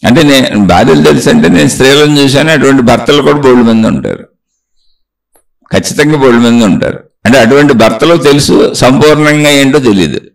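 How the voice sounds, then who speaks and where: A man delivers a spiritual talk in a gravelly voice, hammering his points through repetition. He sounds set back from the microphone, at an ordinary middle pitch. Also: animated, quick pace, recorded from a distance. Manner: repetitive, emphatic, lecturing. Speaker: spiritual speaker.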